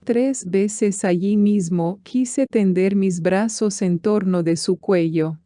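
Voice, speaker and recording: A woman reading epic poetry aloud in a slow, measured recitation. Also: medium pitch, dark tone, no room sound, studio quality. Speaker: reader.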